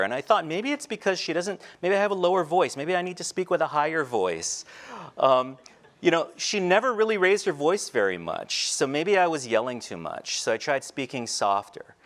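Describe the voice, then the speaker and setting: On a big indoor stage before a seated audience, a middle-aged male teacher with a fairly high voice gives a storytelling keynote through a headset mic. He recounts personal stories, moving between quiet, reflective passages and touches of light humor.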